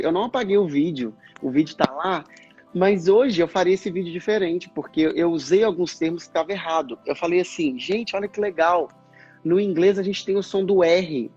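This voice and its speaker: A man, a speech therapist, explaining pronunciation in a casual live chat, in halting bursts. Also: on the high side, darkish tone, slightly rough. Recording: dull lo-fi stream audio, faint music.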